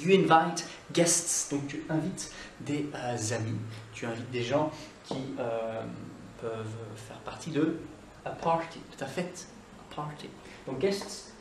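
A man hosting a video English lesson, upbeat, repeating English words slowly to model pronunciation, recorded by the camera from a few feet away indoors. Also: medium pitch. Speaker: English teacher and channel host. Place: indoor room, moving in and out of camera frame. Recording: echoey room, voice from a distance, faint background noise.

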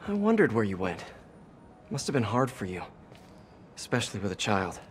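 A man's voice: on the low side, sing-song, normal speed. A man playing an earnest, quippy young superhero in a video game, speaking expressively. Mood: concerned. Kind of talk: cinematic game voice acting.

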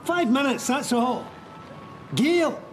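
Man calling through a mail slot, high voice, pleading, echoey and muffled behind a door. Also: lively intonation, slow pace, slight background noise, exaggerated voice. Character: man begging his ex to let him in. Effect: heard through a front-door letterbox.

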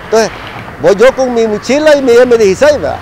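A middle-aged man with a Salvadoran accent recounts his army days in a casual storytelling style, ending nearly every phrase with a quick "va" and imitating gunshots with his mouth. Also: very high-pitched, lively intonation, background noise. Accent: Salvadoran Spanish. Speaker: former soldier telling a war story.

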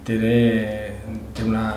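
In a lowish voice, completely flat and very slow, a middle-aged Andalusian man from Spain tells his story during a casual interview, often finishing with tag questions. He is a Holy Week proclamation orator, captured indoors near display cabinets in an echoey, slightly distant recording with faint noise.

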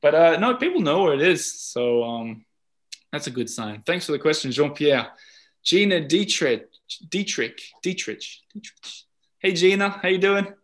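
Speaking at a normal speed with lively intonation, this Australian-accented man sits on the high side in pitch. He's a podcast host and guest speaker chatting on a video call, rambling and leaning heavily on fillers.

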